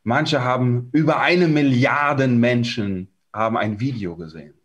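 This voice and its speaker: A German man preaching a sermon in short, conversational phrases, pausing for his interpreter. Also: mid-range voice, highs cut off.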